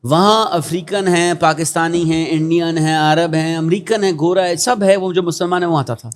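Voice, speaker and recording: A man's voice: a little high, fairly even intonation. A middle-aged man with a Pakistani accent, talking as an interview guest in an earnest, preachy way, often slipping into quoted asides. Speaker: guest, education founder. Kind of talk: conversational interview.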